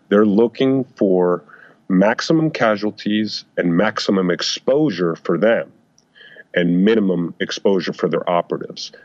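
A man giving interview answers in an electronically disguised deep voice, speaking in measured, hesitant phrases. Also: a little mellow, dry recording. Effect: voice disguiser lowering the voice. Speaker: guest, undercover FBI agent and author. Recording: dull lo-fi sound.

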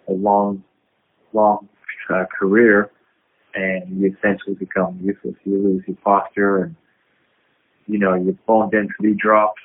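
Husky man on a tinny phone line. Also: low voice. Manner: rambling, halting, many fillers. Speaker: interviewed pro cyclist. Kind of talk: recorded interview.

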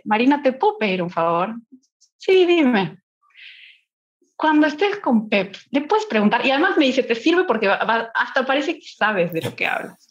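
Lively high-voiced woman telling a story. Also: muffled recording. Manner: lively storyteller, acts out dialogue, laughs often. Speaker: guest, business executive. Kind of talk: conversational anecdote.

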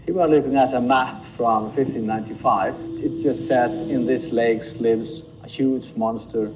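A man's voice: medium pitch, fairly even intonation, moderate pace, over music, low-quality recording. A man speaking in a news report clip with ambient noise behind.

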